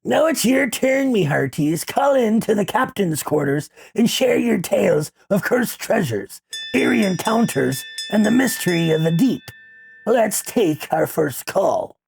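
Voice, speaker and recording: Captain Jeb, someone playing a gravelly pirate host. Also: medium pitch, big pitch swings, unhurried, darkish tone. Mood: rousing. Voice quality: gravelly, husky. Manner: theatrical pirate talk, rolling and dramatic. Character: gruff male pirate captain hosting a call-in show. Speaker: radio host.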